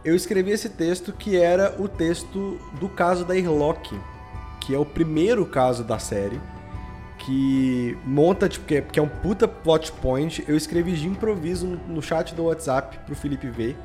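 Background music plays as a podcast guest from Belo Horizonte, who makes audio drama podcasts, tells anecdotes in relaxed, slangy speech with a Minas Gerais Brazilian accent. His voice is a little high and dark in tone, at normal speed.

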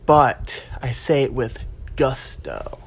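Wry man with deadpan humor. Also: mid-range voice, slow pace, husky. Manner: wry, deadpan humor, loud mock greetings. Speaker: gas station clerk. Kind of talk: casual chat.

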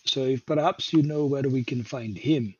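A man's voice: medium pitch, moderate pace, a little mellow, husky, no echo, muffled recording. A man playing a tabletop game, speaking politely and asking questions. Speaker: player.

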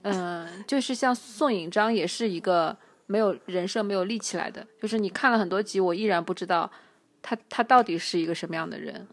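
Relaxed, opinionated woman chatting. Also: mid-range voice, brisk, no room sound. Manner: relaxed, opinionated, laughs while defending her view. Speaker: podcast co-host. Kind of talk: casual chat about a TV drama.

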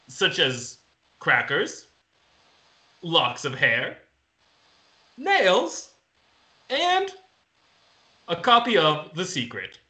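Man doing Gooby, a high, excitable sidekick in a roomy space. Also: heavily acted. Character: Gooby, excitable crude male comedy sidekick. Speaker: co-host. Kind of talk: improvised comedy talk show. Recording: roomy echo, faint crowd noise.

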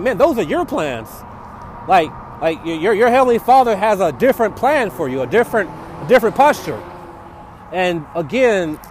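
A man speaks casually to his listeners from a busy city street, raising his voice over wind and traffic. His delivery is halting, with words and phrases often doubled as he reflects. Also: high voice. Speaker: podcaster sharing personal faith encouragement. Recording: noisy outdoor audio with wind and traffic.

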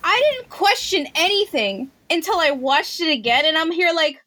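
High-voiced young woman, animated chat. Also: normal speed. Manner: animated, acts out reactions in shouted quotes, laughs often. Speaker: podcast co-host. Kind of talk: casual chat.

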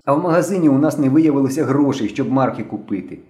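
A man's voice: mid-range voice, sing-song, a little fast, warm tone, voice pushed up, lightly acted. A man voicing a cocky, impulsive schoolboy in a storybook reading, with a brash, offhand way of talking. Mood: excited. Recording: roomy echo.

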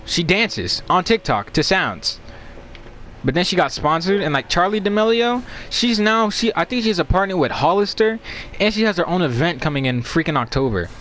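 Animated, slangy young man, higher-pitched voice. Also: normal speed, a little hiss or hum. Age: young adult. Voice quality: slangy speech. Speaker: podcast co-host. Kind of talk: casual banter.

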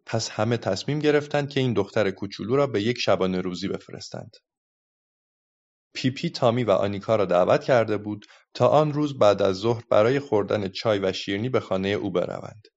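A man reading a children's book aloud as a calm storyteller, in a dull lo-fi recording. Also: on the low side.

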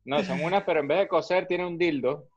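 A man's voice: on the high side, fairly quick. A man co-hosting a podcast in casual chat, teasing and playing with words in a sing-song way. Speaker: podcast co-host. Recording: roomy echo, loud crowd noise.

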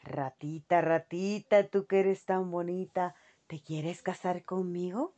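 Woman doing a sly male cat, slow and hushed, sweet-talking in a storybook. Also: on the low side, fairly even intonation, highs cut off.

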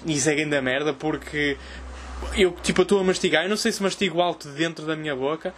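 Fast, high-voiced young European Portuguese man. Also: slight background noise. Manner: animated, crude joking, loud cries in retold scenes. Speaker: host. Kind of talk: casual comic storytelling.

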